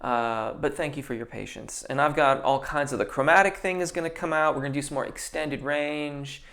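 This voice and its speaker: Hosting a relaxed live stream, this young man, a voice teacher, reads out viewer comments and answers them using singing jargon. He talks briskly in a fairly high, slightly bright voice, often saying um and starting sentences over.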